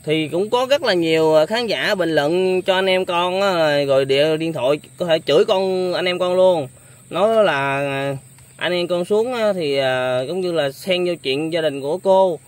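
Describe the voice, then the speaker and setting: A man's voice: on the high side, unhurried. A young man hosting a casual interview, speaking politely with many hesitant fillers. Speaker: vlogger host.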